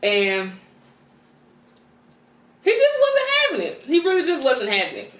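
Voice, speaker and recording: High-pitched female mukbang vlogger, slangy and conversational, talking with mouth full in an echoey room. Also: huge pitch swings, measured pace, a bit bright, far from the mic. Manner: talks with mouth full while eating. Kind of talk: casual storytime chat.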